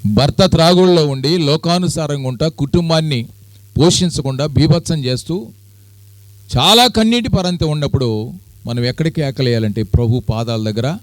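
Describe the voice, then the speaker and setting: A middle-aged pastor preaching a sermon, asking the congregation questions and answering them himself, rising to high loud climaxes and dropping low. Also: male voice, moderate pace, dry recording.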